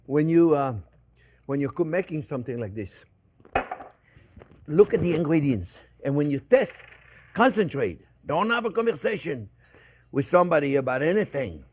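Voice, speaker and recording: An older man with a slightly high voice presents a casual cooking demonstration. He is animated and talkative, repeats little phrases, and addresses his viewers as friends. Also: normal speed, pauses often, slight background noise. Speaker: chef hosting a cooking show.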